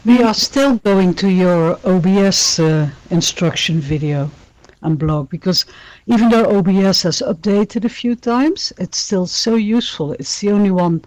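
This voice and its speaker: A woman's voice: mid-range voice, unhurried, darkish tone, no echo, low-quality recording. A woman co-hosting an interview in casual chat, agreeing and thanking the guest. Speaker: co-host.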